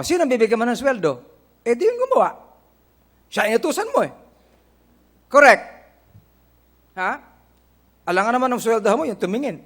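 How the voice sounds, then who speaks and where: Filipino male pastor, middle-aged, high and lively delivery, preaching and calling out to the congregation. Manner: preaching in Tagalog mixed with English, quoting scripture; calls on the congregation with "Amen?" and "Correct?". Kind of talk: sermon.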